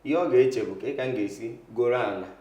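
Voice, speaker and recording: A real estate lawyer from south-eastern Nigeria explains things as an interview guest, speaking fast in a mellow, mid-range voice with an Igbo Nigerian accent. He switches often between Igbo and English, and the room is echoey.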